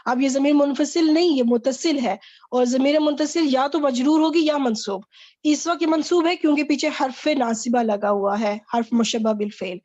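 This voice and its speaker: A woman's voice: high voice, a little mellow, highs cut off. A woman teaching an online Arabic grammar lesson, quizzing a student and explaining patiently.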